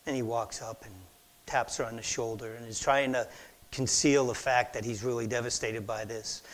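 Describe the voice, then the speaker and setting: A man preaching a sermon, telling anecdotes with lively acted-out quotes and sometimes dropping to a near whisper. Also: medium pitch, normal speed. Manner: animated storytelling, acts out quoted voices, drops to a near whisper for effect. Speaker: pastor.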